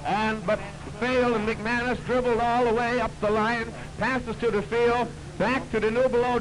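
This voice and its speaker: A man calling a basketball game play by play, heard as a played-back early 1930s archive recording. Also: sits high. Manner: plain, steady play-by-play calling. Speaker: basketball commentator. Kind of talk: live play-by-play commentary. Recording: noisy, hissy old archive recording.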